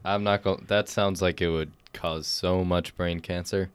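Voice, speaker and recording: A teenage boy co-hosting a casual podcast, laid-back and dry, his voice trailing quieter at the ends of thoughts. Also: low-pitched, steady tone, measured pace, clear, resonant tone, dry recording. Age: teens. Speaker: podcast co-host.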